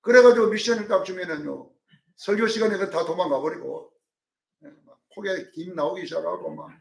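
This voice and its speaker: A male pastor preaching a sermon, dramatic, swinging from loud calls to hushed asides and acting out quotes. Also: sits high, a little fast, vocal fry, distant mic. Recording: roomy sound from off-mic.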